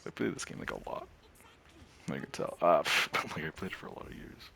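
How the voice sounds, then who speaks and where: A man talking to camera in a casual rambling monologue about games, with lots of fillers, frequent laughter and soft, near-whispered asides. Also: extremely low pitch, very animated, brisk, creaky, slight background noise. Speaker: streamer and gamer.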